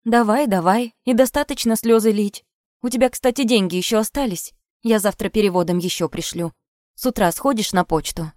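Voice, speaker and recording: A woman reader voicing a brisk middle-aged businesswoman mother who scolds and brushes off her daughter. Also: medium pitch, darkish tone, no room sound, studio quality, natural voice. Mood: dismissive.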